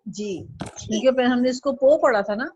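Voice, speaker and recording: Woman teacher, high voice, dry dull lo-fi sound, patient drilling. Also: darkish tone. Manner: patient, slow drilling with repeat-after-me syllables. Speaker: Chinese language teacher. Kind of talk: online language lesson.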